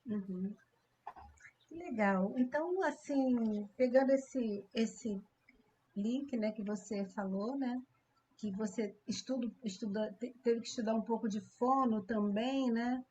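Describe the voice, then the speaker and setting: A woman's voice: a little high, slow pace, a little mellow, a little hiss or hum. A woman from Brazil hosting an interview, affirming her guest and asking long, rambling questions. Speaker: interviewer, show host. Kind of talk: casual interview.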